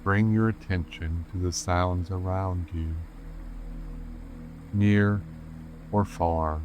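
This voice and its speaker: A man leads a calm grounding meditation as a guide, speaking gently and unhurriedly with measured pauses. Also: low voice. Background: rainforest sounds with insects, soft music.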